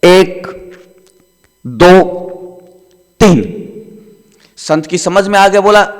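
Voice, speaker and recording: A man preaching a satsang sermon, telling a parable with dramatic swings from loud to soft. His voice is pitched very high for a man. A long reverb hangs after every phrase, as if he speaks in a large hall. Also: expressive, drawn-out words. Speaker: spiritual preacher.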